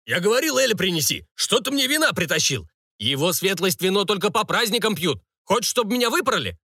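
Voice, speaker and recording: A man reading an audiobook voices a huge, bossy castle cook who bullies his kitchen help in raised, rapid tirades. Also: fairly high pitch, huge pitch swings, creaky, breathy edge, no room sound, clean studio sound, pitched above the performer's own voice, exaggerated voice. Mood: angry, scolding. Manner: shouting, bullying, quick tirades.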